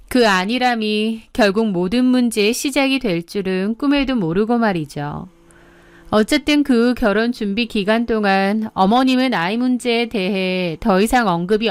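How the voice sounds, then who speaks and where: A woman's synthetic voice narrating a first-person audiobook story in a calm, even storytelling manner. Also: fairly high pitch, smooth.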